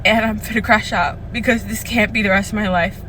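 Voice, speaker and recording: A woman's voice: mid-range voice, steady tone, a little fast, pushed and bright, a little hiss or hum, poor audio. A young woman in her twenties ranting in an exasperated, emotional way about her work week. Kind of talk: casual venting vlog.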